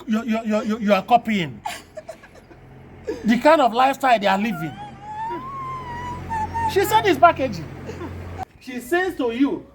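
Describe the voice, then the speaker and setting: A man's voice: very high-pitched, background noise. A man playing a stern husband who lectures his wife reproachfully. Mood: vindicated.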